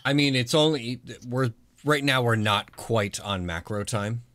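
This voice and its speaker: A man running a tabletop roleplaying game as game master, narrating scenes in a relaxed, joking way. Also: medium pitch, unhurried. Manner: laid-back, joking, laughs often.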